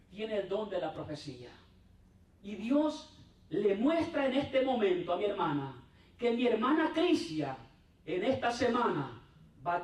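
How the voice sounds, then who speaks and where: A male pastor delivers a sermon in an echoing church hall, heard from some distance. His voice sits a bit high for a man. He talks to the congregation directly and swings from raised, emphatic lines to hushed ones. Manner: conversational preaching, often calling out to the congregation.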